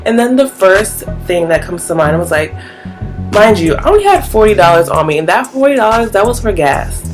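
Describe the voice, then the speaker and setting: A woman's voice: medium pitch, brisk, over music. A young woman telling a story in a casual, rambling way, full of "like". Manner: rambling, heavy use of "like", animated retelling. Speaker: vlogger.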